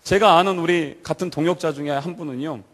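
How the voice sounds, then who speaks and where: A man's voice: on the high side, fairly quick, a bit bright. A man preaching to a church youth service, telling stories and asking the congregation direct questions. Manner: storytelling, asks the audience direct questions. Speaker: pastor.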